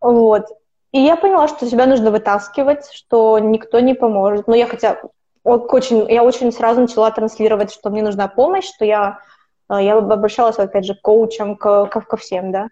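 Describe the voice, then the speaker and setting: A brisk, mellow voice that's a little high and fairly even in intonation belongs to an opera student in her twenties. She's a podcast guest in a casual conversational interview, rambling and often restarting or correcting herself, on a dull lo-fi recording.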